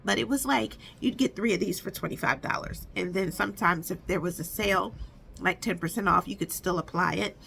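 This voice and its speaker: A woman's voice: fairly low pitch, fairly quick, vocal fry, fairly bright tone. A woman talking casually to viewers as a beauty vlogger, rambling and thinking aloud as she corrects herself. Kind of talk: casual makeup stash chat to viewers. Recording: audible background noise.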